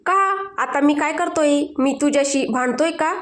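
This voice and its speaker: A woman's voice: high voice, normal speed, echoey room, natural voice. A woman voicing an angry, domineering young husband in a storybook, speaking harshly and accusingly. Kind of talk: storybook narration.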